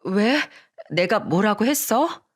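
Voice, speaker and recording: An evasive, nervous young wife, read by a woman for a radio story. She speaks slowly and hesitantly, deflecting each question in a measured, unhurried way. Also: mid-range voice, expressive.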